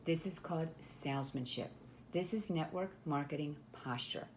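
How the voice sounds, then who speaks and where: A woman's voice: low-pitched, moderate pace, a little hiss or hum. A woman coaching network marketers in a confident, emphatic way, acting out sample sales lines. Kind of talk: instructional talk to camera.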